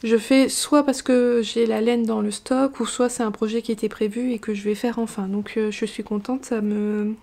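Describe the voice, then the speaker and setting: A woman's voice: a little high, fairly even intonation, moderate pace, creaky, hardly any pauses. A woman chatting casually about her knitting projects, rambling with fillers and restarts. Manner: hushed, half-whispered talk. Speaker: knitting vlogger. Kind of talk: casual chat.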